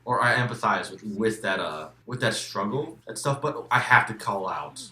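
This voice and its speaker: A man's voice: on the low side, animated, moderate pace, pushed and bright, reverberant. A man who is a guest in a casual game discussion, repeating words as he restarts and swearing emphatically.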